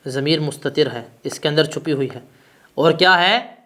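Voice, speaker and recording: A man teaching a grammar class in a slightly high voice. He asks a question, then answers it himself. He gives the key terms a lift in pitch. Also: pushed and bright. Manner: stresses terms with rising pitch.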